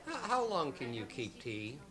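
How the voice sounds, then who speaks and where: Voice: mid-range voice, big pitch swings, a little slow, a crowd in the background. The host of a local history show, asking polite questions that sometimes stall and restart, then closing the episode. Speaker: interview host.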